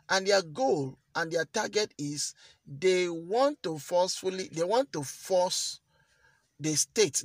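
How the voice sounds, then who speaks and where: A man talks straight to his viewers in a fairly high voice, earnest and repeating key lines to drive them home. The sound is dry and close, with no room around it. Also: dry recording. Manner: earnest, repeats phrases for emphasis. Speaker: news vlogger. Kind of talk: commentary to camera.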